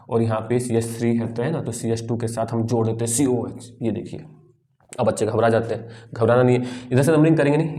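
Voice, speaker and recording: A man's voice: mid-range voice, warm tone. A man teaching a class, explaining step by step, asking his students questions and answering them himself. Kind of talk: classroom lecture.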